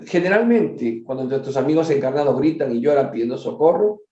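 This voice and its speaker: A man voicing a calm, kindly male spirit guide in an even reading tone. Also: medium pitch, fairly quick, distant mic, natural voice. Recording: echoey dull lo-fi room.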